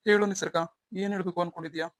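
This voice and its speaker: Brief: woman as young husband, protective but quick to anger, low-ish voice, rapid and flat. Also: no room sound, natural voice. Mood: tender. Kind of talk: melodramatic audio story acting.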